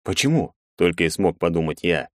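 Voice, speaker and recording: A man reading a first-person audiobook in a measured, expressive way. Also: low-pitched, dry recording, studio quality. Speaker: audiobook narrator.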